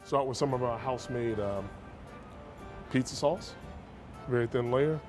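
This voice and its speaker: A man from a pizza restaurant, describing the place and making a pizza in a steady, matter-of-fact way. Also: mid-range voice, measured pace, music in the background. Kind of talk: interview and cooking demonstration.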